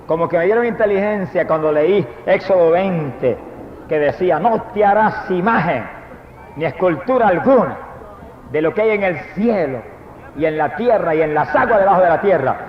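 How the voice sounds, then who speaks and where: A man with a high voice preaches a fervent testimony sermon. He swings between quiet, intimate telling and loud proclaiming. The old recording sounds dull and lo-fi, with long echo from a large hall. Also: expressive, normal speed, slight background noise. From Puerto Rico. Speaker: evangelist preacher.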